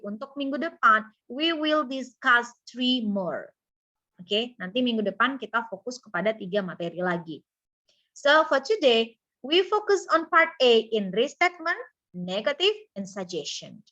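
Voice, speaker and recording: A woman's voice: a little high, sharp tone. A woman English teacher with an Indonesian accent, giving an online class lecture and repeating each point in two languages. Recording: dull lo-fi audio.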